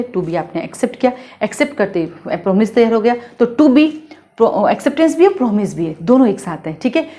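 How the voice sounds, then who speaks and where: A woman law teacher with an Indian accent, schooled in Hindi, lecturing in a lively way and repeating points with quick questions to her students. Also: medium pitch. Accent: Hindi-medium Indian English words. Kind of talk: classroom lecture.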